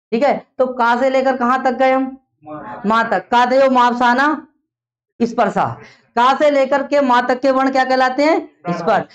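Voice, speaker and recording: A woman teacher giving a classroom lecture, explaining step by step and drilling her students with repeated questions. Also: on the high side. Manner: explains step by step, checks understanding often. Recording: dull lo-fi classroom recording.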